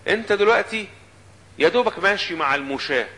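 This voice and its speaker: A man with an Egyptian Arabic accent, preaching a sermon in an animated way, quoting scripture and voicing the people in it. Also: high-pitched, fast.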